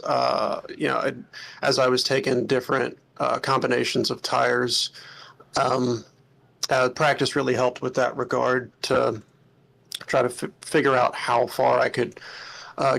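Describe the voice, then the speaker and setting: A man talking as a racing driver in a post-race interview, hesitant, with many pauses and fillers. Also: mid-range voice, gravelly, fairly bright tone. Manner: hesitant, many ums and uhs.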